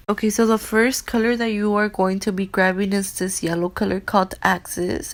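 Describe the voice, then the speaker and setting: A woman's voice: medium pitch, gravelly, dry recording. A young woman casually narrating a makeup tutorial as a beauty vlogger, speaking with her mouth held slightly open around braces.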